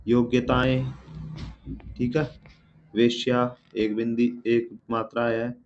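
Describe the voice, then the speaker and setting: Slow-talking man teaching spelling. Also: medium pitch, flat delivery, faint music behind. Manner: explains step by step, asks and answers his own questions; repeats each word and checks with "ठीक है". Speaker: Hindi exam teacher. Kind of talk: spelling lesson walking through words. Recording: dull lo-fi audio with faint room noise.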